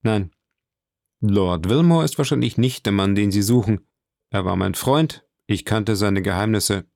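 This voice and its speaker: A man's voice: on the low side, gravelly, darkish tone, dry recording, studio quality. A man voicing a grave, composed count. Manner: measured and solemn.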